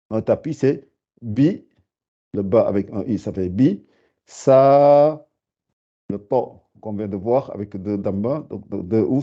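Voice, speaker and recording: A man teaching a beginners' lesson, patiently repeating words and sounding them out slowly. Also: fairly low pitch, mellow. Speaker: Arabic teacher. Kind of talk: slow spoken lesson. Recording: dull lo-fi sound.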